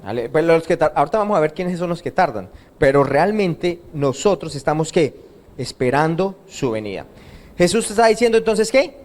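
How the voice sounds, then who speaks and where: A male pastor delivers a sermon at a church service, his voice sitting high for a man. He keeps throwing questions to the congregation and answering them himself in a call-and-response rhythm. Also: animated, moderate pace, a little mellow. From Colombia.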